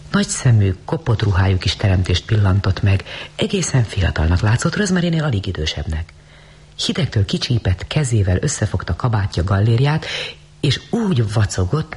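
A man narrating a story as an audiobook, reading in an expressive, dramatic way. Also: sits low, creaky, slightly rough.

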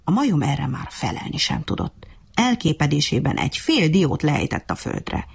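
A woman reading a children's animal story aloud in an expressive, lively way. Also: sits low, gravelly, breathy edge. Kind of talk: storybook narration.

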